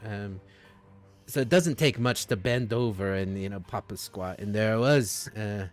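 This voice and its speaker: A man's voice: lowish voice, unhurried, faint music behind, close to an everyday voice. A man doing a jovial old bow-legged dwarf. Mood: storytelling. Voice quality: rough folksy dwarf accent. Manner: chummy, rambling yarn-spinner.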